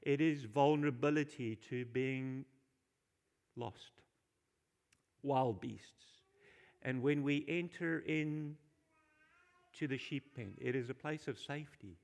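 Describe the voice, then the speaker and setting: Guy preaching in church, kinda gravelly voice, asks the crowd questions, says the big lines twice. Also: mid-range voice, slow, pauses often, a little mellow. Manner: questions the congregation and repeats key phrases for emphasis; informal and jokey. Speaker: pastor. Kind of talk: sermon.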